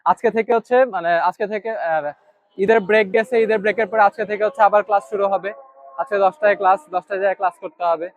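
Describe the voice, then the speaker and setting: A man's voice: high-pitched, steady tone, brisk, dry recording. A young man from Bangladesh chatting casually to the viewer as he walks a vlog through the city, with many fillers. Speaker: vlogger. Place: city streets and shops, outdoors. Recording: dry and slightly dull.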